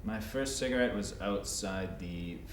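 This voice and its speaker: A young man in his early twenties with a very low, deep voice. He talks in a laid-back, skeptical, unhurried way. A faint hiss sits behind him. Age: 20s. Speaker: interviewee. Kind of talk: candid interview answers.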